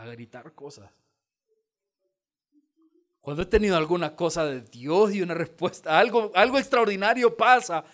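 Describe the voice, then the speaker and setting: Man, pastor, lively sermon storytelling, fairly high voice. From El Salvador. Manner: animated storytelling, acting out dialogue. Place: church hall.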